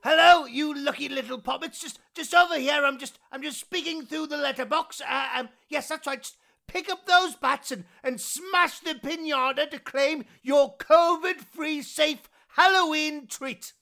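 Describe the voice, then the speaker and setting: Man playing a prankster brother, talking through a mail slot, slow and coaxing, high voice, bright gravelly tone. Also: heavily acted. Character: scheming prankster brother, a grown man from a circus family.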